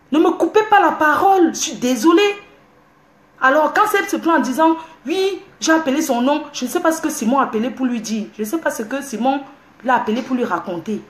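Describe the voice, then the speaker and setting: A woman, ranting defiantly on a livestream from home, repeating herself indignantly. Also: a little high. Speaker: social media livestreamer. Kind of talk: heated livestream rant. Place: at home, indoors. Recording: echoey room.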